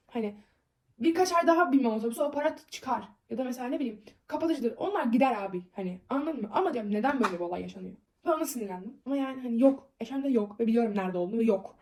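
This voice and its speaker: A woman's voice: fairly high pitch, warm tone. A young woman telling a long personal story in a casual vlog, rambling with many fillers and sounding upset as she vents.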